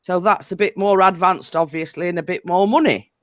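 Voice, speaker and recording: A woman's voice: lowish voice, brisk. A woman co-hosting a casual live stream, chatty and reading out viewer comments.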